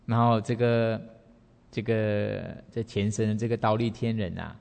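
A man tells a Buddhist teaching story at a relaxed, unhurried pace. He trails his phrases with soft particles. His voice sits low, and a long hall reverb hangs behind it. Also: gravelly. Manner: relaxed, unhurried, with many sentence-final particles. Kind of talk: storytelling dharma talk.

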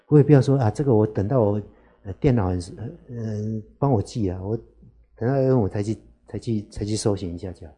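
A man, a Buddhist monk, giving an unhurried dharma talk to lay listeners, often asking rhetorical questions. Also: fairly low pitch, warm tone, breathy edge.

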